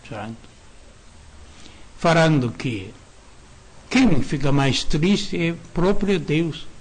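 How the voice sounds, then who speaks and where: A man delivers an earnest sermon at an unhurried, deliberate pace. His voice is husky and sits slightly high for a man. He speaks in short, broken phrases, repeats key words for emphasis and keeps checking in with his listeners. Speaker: reverend. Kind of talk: sermon-style lecture.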